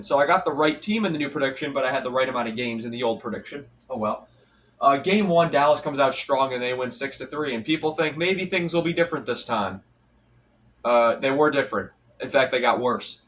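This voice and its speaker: Stuffy and congested from allergies, a young hockey commentary channel host runs through a casual solo recap, rattling off stats while often restarting and using fillers. His voice is medium-pitched and a bit bright. He's far from the mic, with slight background noise.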